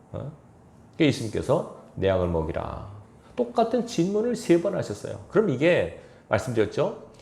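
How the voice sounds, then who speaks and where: A male pastor with a gravelly, creaky voice preaches from the pulpit, telling his story with lively rises and falls in pitch. He acts out the voices of the people in the story and chuckles now and then. The sound carries through an echoey church sanctuary. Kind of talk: sermon.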